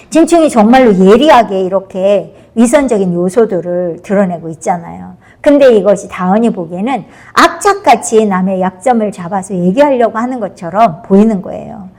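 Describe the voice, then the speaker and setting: A woman's voice: medium pitch, darkish tone. A woman preacher at a prayer house gives a sermon-style study of a book, explaining patiently, often affirming her points and acting out the quoted lines. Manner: dramatizes quoted speech in the story.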